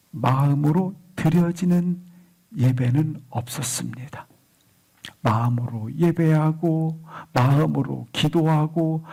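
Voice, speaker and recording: A male pastor delivering a Sunday sermon in a fairly high, gravelly and husky voice. He speaks slowly and deliberately, stretching key words out. Loud emphatic stresses alternate with phrase endings that sink almost to a whisper.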